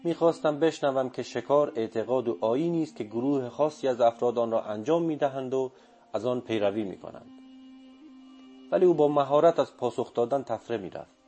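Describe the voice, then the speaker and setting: A man reading a first-person literary audiobook in a measured, even way. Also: medium pitch, soft background music. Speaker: audiobook narrator.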